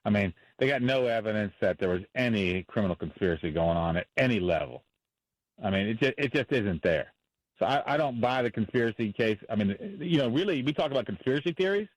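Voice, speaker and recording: A man's voice: lowish voice, animated, brisk, no echo, rough recording. Blunt, emphatic man arguing his case. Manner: blunt, emphatic, repeats himself for stress. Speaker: defense attorney being interviewed by phone. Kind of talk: impassioned advocacy in a radio interview.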